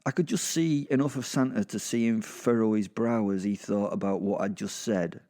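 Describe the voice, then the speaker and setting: A British man with a low, dark-toned voice speaks at normal speed. In the first person, he spins a horror audio drama in a chatty, wry style, swearing now and then.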